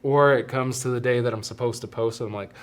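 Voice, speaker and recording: A young man hosts his own podcast solo, chatting casually in a rambling, self-deprecating way with a stuffy, congested nose. His mid-range voice moves fast with fairly even intonation.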